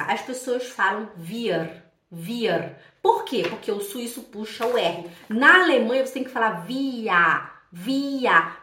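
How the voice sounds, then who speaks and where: Woman, language teacher, higher bright voice, explanatory, demonstrates sounds, echoey room. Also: distant mic. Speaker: German teacher. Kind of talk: online language lesson. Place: indoors in Switzerland.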